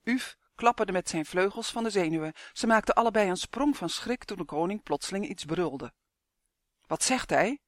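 A narrator reading a children's fantasy story aloud in a steady, expressive manner. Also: mid-range voice, a little fast, few pauses, no echo, studio quality.

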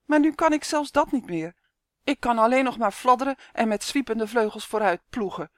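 A woman's voice: medium pitch, expressive, moderate pace, no room sound, clean studio sound, natural voice. A woman voicing a homesick male elf trapped in a duck's body, whining and buzzing his complaints. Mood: tearful. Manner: whiny, sulky, buzzing complaints. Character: grumpy homesick male elf stuck as a duck.

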